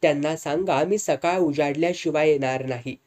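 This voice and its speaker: A defiant young woman nurse, firm and commanding, as a storyteller plays her. The voice is dark and mellow in an audiobook reading. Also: mid-range voice, normal speed, natural voice.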